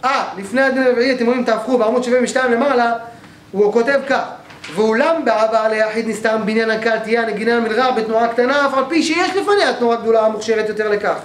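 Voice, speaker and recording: Male teacher, high-pitched, lectures methodically and keeps checking in with students; roomy, echoey sound with faint noise behind. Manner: explains step by step, often checks with the class. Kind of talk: grammar class lecture. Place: synagogue hall.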